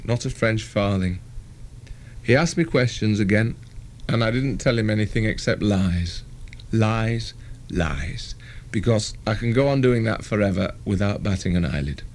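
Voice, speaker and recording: A man's voice: fairly low pitch, slight background noise. A man reading a first-person story aloud in a wry, conversational way. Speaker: audiobook reader.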